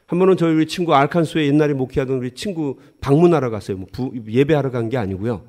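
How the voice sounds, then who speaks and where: A man's voice: medium pitch, quick pace. A middle-aged man preaching a sermon as pastor, telling funny stories from his own life and laughing often as he acts out what people said. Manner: lively storytelling, acts out dialogue, laughs often. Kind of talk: sermon with humorous anecdotes.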